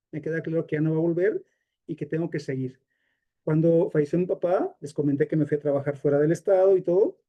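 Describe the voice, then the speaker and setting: A man's voice: on the high side, highs cut off. A man with a Mexican accent teaching a live workshop on grief, talking in a conversational way with many fillers and personal examples. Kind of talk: live masterclass lecture.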